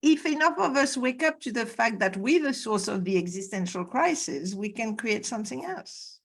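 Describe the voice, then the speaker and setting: Earnest higher-voiced woman teacher. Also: animated, normal speed, slightly rough. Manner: earnest, emphatic, repeats words for stress. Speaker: spiritual teacher. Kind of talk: conversational interview on a call. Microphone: video call.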